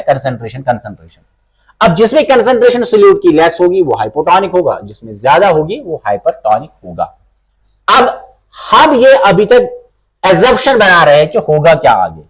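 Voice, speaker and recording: Lively male teacher dictating definitions. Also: a little high, slightly rough, poor audio. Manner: repeats terms and asks himself questions, then answers. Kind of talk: board lesson explaining biology.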